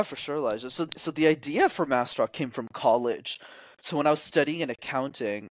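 A lively man in his twenties, a communication coach, chats in a casual interview and acts out quoted voices with abrupt leaps in pitch. The recording is rough, with no room sound.

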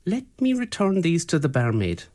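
A man voicing an eager young male scholar who is a secret spy, speaking earnestly and slowly, sometimes hushed. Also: on the high side, huge pitch swings, pitched above the performer's own voice. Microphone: recorded online, at home.

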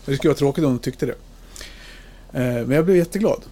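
A man's voice: fairly high pitch, dark tone. A man in his fifties hosting a podcast, chatting casually, joking and swearing easily. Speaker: podcast host.

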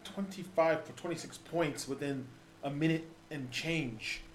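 A man with a high voice co-hosts a sports talk show, rambling through his points and restarting his sentences. He sounds like he is in an echoey room. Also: a little slow, a little hiss or hum. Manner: rambling, many restarts and fillers. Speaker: podcast co-host.

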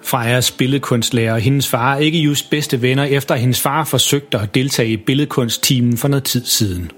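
A man narrating a children's bedtime story in a calm, even way. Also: mid-range voice, faint music behind.

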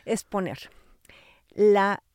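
Woman host asking quick questions. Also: mid-range voice, darkish tone, clear, resonant tone, dry recording. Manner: asks short questions, laughs easily. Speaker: podcast host. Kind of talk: casual chat.

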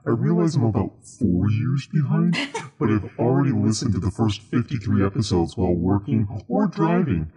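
A man reading listener reviews aloud on a podcast in a slow, spooky put-on voice. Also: fairly low pitch, sing-song, dark tone.

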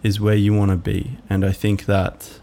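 A man hosting a reflective solo podcast, musing aloud in a halting way with many fillers. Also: lowish voice, monotone, gravelly, dark tone. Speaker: podcast host.

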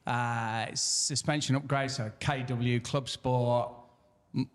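A man's voice: medium pitch, steady tone, slow pace. An English man from the audience, chatting casually as a guest. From Leicester, England. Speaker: audience guest, car owner. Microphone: passed-around handheld microphone. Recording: reverberant hall, PA microphone.

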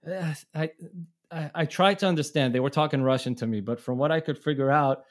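A middle-aged Israeli touring musician tells stories in a loose, rambling style, often restarting and laughing. His voice is on the high side and he talks a little fast.

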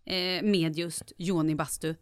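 A woman's voice: on the low side, smooth, no echo, studio quality. A woman co-hosting a podcast, telling stories in casual chat and acting out what others said. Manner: animated storyteller, acts out others' lines. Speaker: podcast co-host.

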